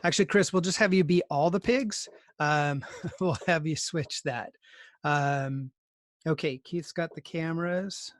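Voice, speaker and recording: A somewhat slow, high-leaning male voice comes through a dry, clean studio recording. He leads an online class in a conversational way, politely encouraging students as he organizes them.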